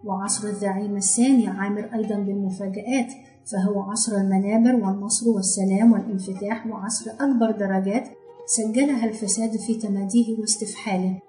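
A woman reading a literary novel aloud in a measured, even storytelling manner. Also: mid-range voice. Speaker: audiobook narrator. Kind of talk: scripted literary narration. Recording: roomy echo, faint background music.

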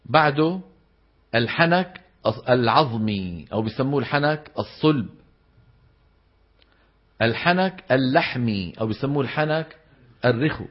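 A man's voice: medium pitch, expressive, normal speed, long pauses. A man with a Levantine Arabic accent teaching Quran recitation in a classroom lecture, putting questions to the class and answering them himself and stressing the exact vowels of terms. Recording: dull lo-fi lecture recording.

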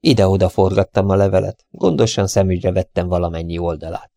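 A man narrating an audiobook in a measured, plain first-person style. His voice is low and gravelly. It is recorded close and dry, with no room sound. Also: fairly even intonation, dark tone, no room sound. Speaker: audiobook reader. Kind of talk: scripted narration.

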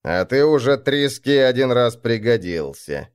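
Ворчливый старый викинг с язвительной, насмешливой манерой, которого изображает мужчина-чтец. Голос живой, с заметными скачками интонации, как в аудиокниге. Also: male voice, mid-range voice, sing-song, unhurried, clean tone. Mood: grumpy sarcastic. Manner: cranky, sneering. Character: grumpy old male Viking warrior, sarcastic.

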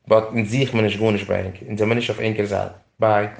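A man's voice: lowish voice, little pitch movement, fast, gravelly, echoey room. A man giving an impassioned monologue about his community, emphatic, mixing German with English words.

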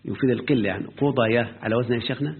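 Husky man teaching grammar over phone line. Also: medium pitch. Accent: Egyptian Arabic. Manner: questioning the student often, drawn-out quoting. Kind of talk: Arabic grammar lesson.

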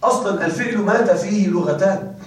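A man's voice: high-pitched, fast talker. A man teaching grammar to a class, drilling the students in call-and-response and prompting them to finish words. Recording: very echoey room, voice far from mic.

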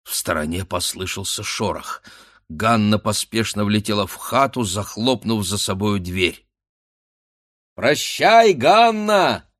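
A man reading a classic story aloud in a measured, hushed manner. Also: fairly low pitch. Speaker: reader. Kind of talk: literary audiobook narration.

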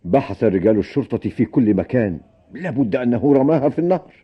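An actor with an Egyptian accent playing a gloomy, despairing friend in a radio drama, talking wearily. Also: male voice, medium pitch, expressive, fast talker, breathy edge. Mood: hopeless. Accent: Egyptian Arabic. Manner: weary and hopeless. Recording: dull lo-fi radio recording.

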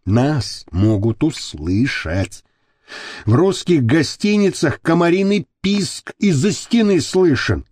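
A nervous thug pleads and hisses in a low, hushed voice, as a male narrator plays him. The sound is dry and close, with no room around it. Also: lively intonation, a little slow, few pauses, no echo.

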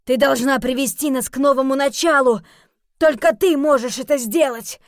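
Lady reader playing a slow, grave male goat-ish creature, storybook style, dry recording. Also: on the low side, steady tone, mellow, no room sound, lightly acted. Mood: urgent.

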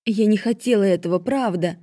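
A woman's voice: mid-range voice, a little fast, dark tone, dry recording, clean studio sound, lightly acted. A woman voicing a timid young stepdaughter who pleads meekly. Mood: pleading. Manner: pleading, meek.

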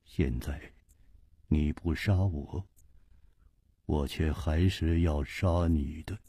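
A man voicing a cultured, scheming young monk who speaks low and hushed, half-whispering. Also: fairly even intonation, takes it slowly, husky, no room sound, studio quality, exaggerated voice. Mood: quietly menacing.

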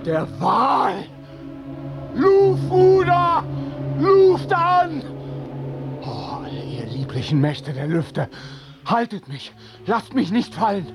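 Obsessed old sea captain, radio play, high wild shouts, slow, music under. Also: male voice, vocal fry, heavily acted. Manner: shouted orders and hushed prayers.

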